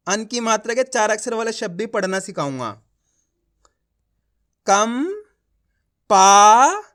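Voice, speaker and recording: A man's voice: sits high, fairly bright tone. Man teaching reading, sounding out syllables. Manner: sounds out words syllable by syllable, then blends them; addresses viewers as friends, coaxing and encouraging. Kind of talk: online reading lesson.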